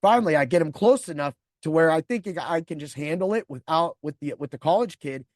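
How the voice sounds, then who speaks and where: In a dry, clean studio recording, a man in his forties who hosts a podcast delivers a storytelling monologue, a profane personal tale in which he plays the various characters. His voice sits high and carries vocal fry.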